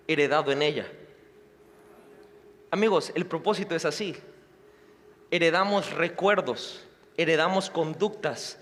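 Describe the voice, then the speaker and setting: A male pastor with a high voice preaches in a church hall, swinging dramatically between loud passages and hushed ones. A long reverb trails after every phrase.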